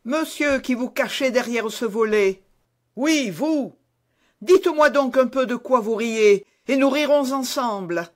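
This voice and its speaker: A man voicing a hot-headed young Gascon swordsman who shouts in indignant fury. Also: very high-pitched, a little slow, pitched above the performer's own voice. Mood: furious.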